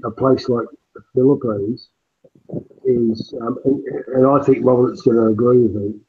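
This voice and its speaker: A man's voice: medium pitch, fairly even intonation, normal speed. A man in his fifties chatting casually on an online call, his voice sounding like it's in an echo chamber, rambling and repeating words as he starts a point. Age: 50s. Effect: echoey, echo-chamber sound on the call. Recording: muffled, noisy online call audio.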